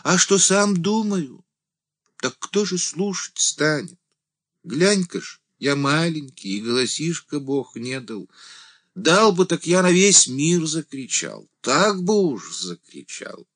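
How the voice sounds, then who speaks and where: A man voicing a small, frail, timid old male church deacon who pleads in a high, fretful voice that rises to near cries. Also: big pitch swings, slow pace, fairly bright tone, heavily acted.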